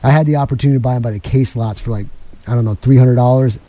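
Male call-in radio host, rapid delivery, very dark mellow tone, chatty and rambling. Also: medium pitch, steady tone.

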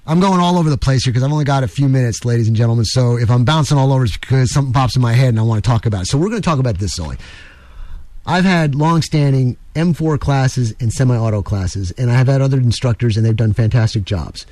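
A man's voice: mid-range voice, quick pace, darkish tone, no echo. Jokey, rambling male radio talk-show host. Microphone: studio microphone.

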